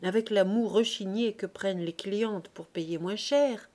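A woman reading a classic novel aloud as an audiobook, in a measured, expressive way. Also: medium pitch. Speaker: audiobook reader.

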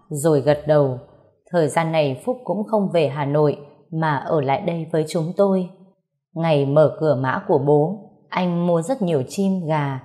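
A woman narrating a first-person ghost-story website tale in a measured, sorrowful way. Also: low-pitched, warm tone.

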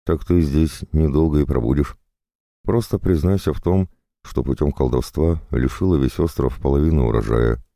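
A man's voice: rumbling low, normal speed, gravelly, dark tone, dry recording, studio quality. A man voicing a burly, drunken jailer-monk who lectures and leers at his prisoner in a storybook reading. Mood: preachy. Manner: preachy, leering.

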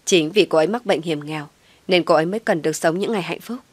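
Brief: woman reading as a pleading young man in a storybook, soft coaxing, low dry voice. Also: fast talker, breathy edge, dry recording.

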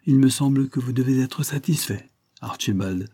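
A man voicing a gentle, loving young noblewoman in an audiobook. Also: mid-range voice, normal speed, husky, pitched above the performer's own voice. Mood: tender.

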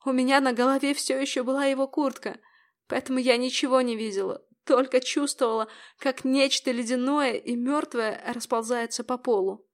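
Young woman, higher voice, first-person audiobook reading, tense and dramatic. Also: fairly even intonation, normal speed. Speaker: audiobook narrator.

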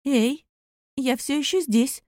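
A woman's voice: high voice, slow, a little mellow, no echo, studio quality, voice pushed up. A woman voicing a curious, stubborn young heroine in an audiobook, asking insistent questions.

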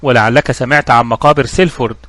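Man reading a middle-aged mother, genteel, composed, calm, storybook. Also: medium pitch, quick pace, dry recording, close to an everyday voice.

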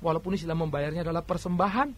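A man preaching a sermon, swinging between loud exhortation and quieter asides as he addresses the congregation directly. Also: a little high, fairly even intonation, racing. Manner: addresses listeners as brothers and sisters.

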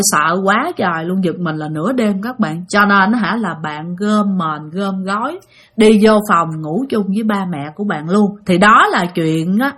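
A woman's voice: mid-range voice, fairly bright tone, slightly rough. A woman with a Southern Vietnamese accent telling a ghost story in a chatty, casual way, addressing her listeners directly.

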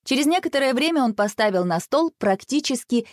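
Expressive woman reading a storybook. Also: high-pitched, fairly quick, dry recording, studio quality. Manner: expressive, animated.

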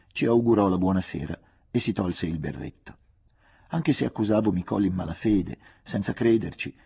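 Man reading a novel out loud, low gravelly voice, quiet and measured, kinda husky. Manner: measured, hushed, intimate reading. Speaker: audiobook reader. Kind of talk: literary audiobook narration.

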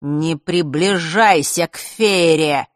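A woman's voice: lowish voice, dry recording, lightly acted. Cool curt teenage boy Fesh, read by a woman. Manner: slow, flat, clipped replies. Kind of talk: audiobook character reading.

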